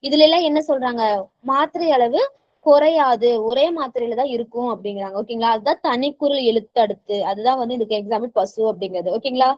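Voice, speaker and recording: A woman with a high-pitched voice teaches grammar in a steady classroom manner. She keeps checking in with her students as she explains. The recording is dry and a little dull, as if made close to the mic in a small quiet room. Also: quick pace, no room sound. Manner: checks in constantly with "okay-ngala?", mixes in English words. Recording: dull, slightly muffled sound.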